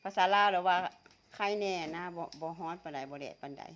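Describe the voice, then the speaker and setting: Racing along at a fairly low pitch with a fairly bright tone, a woman vlogger with an Isan (Tai Yo) accent from northeastern Thailand jokes and chats casually while eating, laughing often. The sound is lo-fi.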